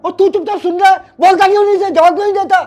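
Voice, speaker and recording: Actor as aggrieved old father-in-law, high-pitched scolding, soft music under, skit drama. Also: expressive, normal speed. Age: older. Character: indignant elderly father-in-law.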